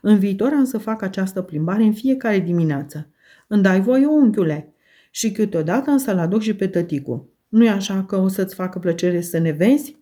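A woman reading aloud voices Catherine, a lively, impulsive teenage girl who speaks eagerly and affectionately. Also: medium pitch, natural voice. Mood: pleading, affectionate.

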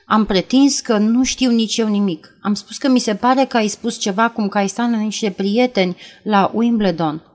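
A woman voicing an anxious, talkative young woman in an audiobook, speaking in a worried, hurried way. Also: medium pitch, natural voice. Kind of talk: audiobook character reading.

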